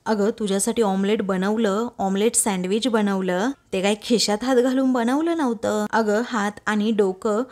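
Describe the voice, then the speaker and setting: A woman's voice: medium pitch, unhurried, hardly any pauses, darkish tone, lightly acted. A woman voicing a hot-tempered young husband who scolds and boasts, in a retold TV serial scene. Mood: scolding.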